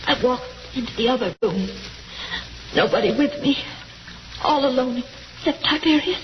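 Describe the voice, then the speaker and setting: A woman acting a small, frightened, exhausted wife in a 1940s radio drama, speaking in halting, breathless, insistent phrases. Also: high voice, lively intonation. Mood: haunted. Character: small frightened exhausted wife, hysterical survivor of attempted murder. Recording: noisy muffled 1940s radio recording.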